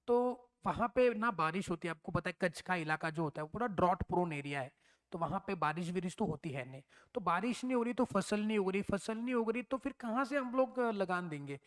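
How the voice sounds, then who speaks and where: A man's voice: high-pitched, expressive, brisk, a bit bright. Man explaining a lesson. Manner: explanatory, asks and answers his own questions; mixes English terms into his speech. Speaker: teacher. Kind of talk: recorded exam-prep lecture.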